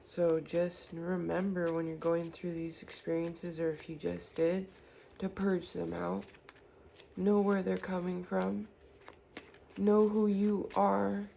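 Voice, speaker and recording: A woman's voice: on the low side, little pitch movement, takes it slowly, creaky, dark tone, slight background noise. A woman giving an earnest, reassuring spiritual tarot reading, speaking directly to the viewer. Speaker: tarot reader.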